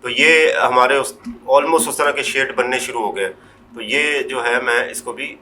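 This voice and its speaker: Speaking in Hindi laced with English terms, a man guides viewers through a screen-captured Photoshop lesson one step at a time. His voice is mid-range and relaxed, often tapering into quiet, and there's a bit of background noise.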